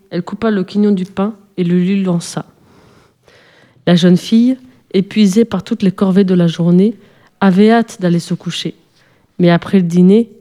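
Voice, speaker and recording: A woman narrating a children's storybook in a gentle, expressive reading voice. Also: mid-range voice.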